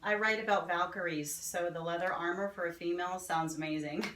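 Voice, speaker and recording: A woman's voice: lowish voice, fairly even intonation, fairly quick, a bit bright. A woman in her forties with a New Jersey accent, chatting in an upbeat, easy way as an author being interviewed. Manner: chatty and upbeat, laughs easily. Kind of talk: casual interview chat. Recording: roomy with faint background noise.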